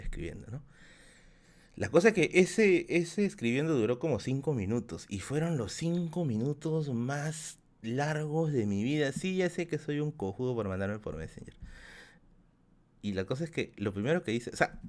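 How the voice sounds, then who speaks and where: A man's voice: mid-range voice, big pitch swings, normal speed. A man in his thirties with a Peruvian accent, telling a rambling story to his live chat as a streamer host, repeating phrases and laughing often. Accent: Peruvian Spanish. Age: 30s.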